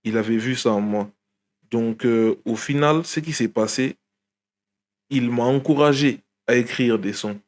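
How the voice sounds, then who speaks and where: A man's voice: mid-range voice, a little slow. A young man from Guinea, a rapper, talking casually in an interview with many fillers and restarts. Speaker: rapper guest.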